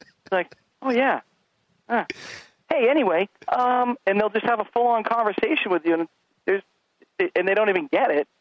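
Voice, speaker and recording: In a brisk, high-pitched voice, a middle-aged man chats casually on a podcast, acting out his kids and himself as an animated storyteller. The lo-fi recording has no room sound.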